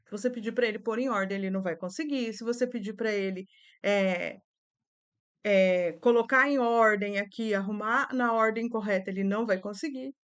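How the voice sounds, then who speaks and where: A woman's voice: medium pitch, normal speed, clear, resonant tone, dull audio. A Brazilian woman teacher with a Brazilian accent, explaining reading activities to other teachers in a chatty way, checking in often with little tag questions. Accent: Brazilian Portuguese.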